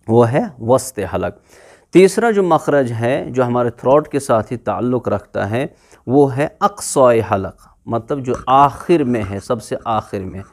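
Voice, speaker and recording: Slow-talking man teaching letter sounds. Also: mid-range voice. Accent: Urdu-speaking. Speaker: Quran recitation teacher. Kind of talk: slow explanatory lesson on letter pronunciation.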